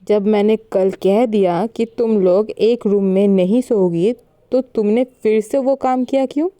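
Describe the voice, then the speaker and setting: A woman's voice: medium pitch, measured pace, mellow, no room sound, natural voice. A woman voicing a stern but loving grandmother in a storybook reading, scolding her granddaughters. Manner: scolding, then soothing.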